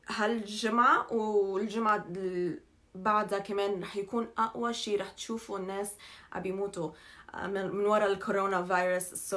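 A woman with an English-influenced Levantine Arabic accent gives an informal public update, haltingly, correcting herself and mixing in English terms. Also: medium pitch, a bit bright. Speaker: community update presenter.

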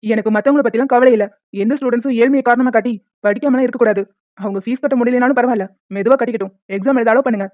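A young cartoon husband full of pleading devotion who also turns curt and strict at work, as a woman voices him. He talks quickly in a fairly high voice. The sound is thin and phone-like, with a dry close feel. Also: steady tone, dry recording, natural voice. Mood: stern, curt. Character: lovestruck young husband, later a stern college head. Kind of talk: cartoon voice dubbing.

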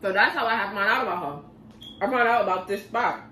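A woman's voice: mid-range voice, fast, pushed and bright, a little hiss or hum. A woman vlogger chatting casually in slang while eating, talking between bites at home. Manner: laid-back and slangy, talks between bites. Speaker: mukbang vlogger. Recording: echoey room from a distance.

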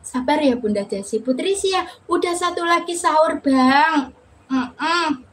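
A woman's voice: sits high, unhurried, fairly bright tone. A woman hosting a casual live stream, chatting and reading out viewers' names with frequent laughter.

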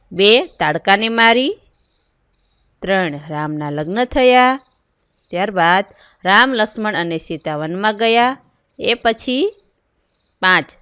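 Clear-voiced woman reading out a lesson. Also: medium pitch, fairly bright tone, dry recording. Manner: reads out items and answers one by one. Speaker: teacher. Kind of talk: worksheet lesson read aloud.

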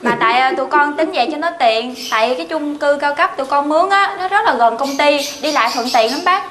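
Bright, high-voiced young southern Vietnamese bride-to-be. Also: female voice, fast. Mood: apologetic. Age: 20s. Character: stubborn, blunt young bride-to-be. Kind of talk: TV comedy skit acting. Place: indoors, tiled rooms. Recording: echoey room with clear noise.

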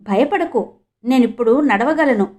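A woman reading as a protective middle-aged man in a storybook, speaking earnestly and with resolve. The voice sits high. The lines come steady and firm. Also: unhurried. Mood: resolute. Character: determined man in middle age, protective of a child.

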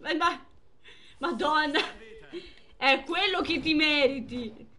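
A young woman streaming a game live, chatting with viewers and exclaiming excitedly over the action. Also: high-pitched, slow, slight background noise. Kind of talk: live gameplay commentary.

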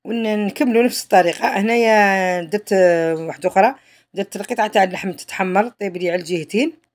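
Fast-talking Algerian woman showing a recipe. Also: medium pitch, darkish tone. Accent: Algerian Arabic. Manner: chatty, repeats "voilà" and trails off mid-phrase. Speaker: home cook. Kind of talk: cooking tutorial narration.

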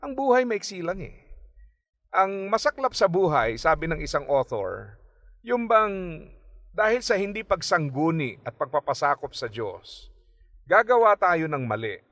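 A man's voice: on the high side, measured pace, no room sound. Filipino man giving a radio Bible talk. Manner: conversational, mixing English phrases, frequent tag questions; animated when retelling stories. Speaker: radio program host. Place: radio studio.

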